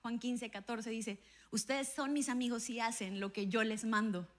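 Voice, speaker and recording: A woman pastor preaching a sermon and telling a personal testimony, acting out the dialogue in her stories with an animated voice. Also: a little high, moderate pace. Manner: animated storytelling, acts out dialogue with a raised voice.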